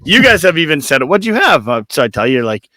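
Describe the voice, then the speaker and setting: A man's voice: medium pitch, big pitch swings, fast, a crowd in the background. A man co-hosting a fantasy football podcast, chatting casually and joking, calling people "man" and "buddy.". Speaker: podcast co-host. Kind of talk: casual chat.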